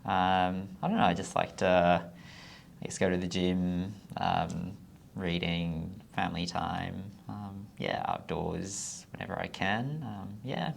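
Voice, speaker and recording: Gravelly young man, halting answers. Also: low voice, steady tone, slight background noise. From Zimbabwe. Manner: hesitant, with frequent ums and short trailing answers. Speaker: podcast guest, consultant. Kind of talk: casual interview chat.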